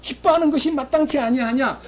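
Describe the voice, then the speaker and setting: A man playing a loving older father who speaks gently and in solemn scriptural phrasing, within a sermon. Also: extremely high pitch, brisk, voice pushed up.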